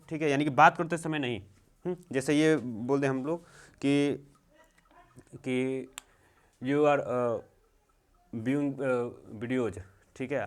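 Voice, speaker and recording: A young man teaching English grammar in a slow, repetitive way, checking in often. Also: mid-range voice. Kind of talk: classroom-style grammar lesson.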